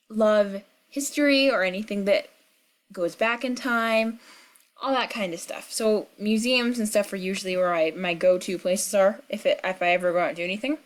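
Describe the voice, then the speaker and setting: A young woman with a slight cold talks through a game at home in loose, rambling commentary. She is chatty and full of fillers and side remarks, and her voice sits at a middle pitch. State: sick with a cold, clearing throat. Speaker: gaming vlogger. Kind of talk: casual rambling commentary over gameplay. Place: at home in the country.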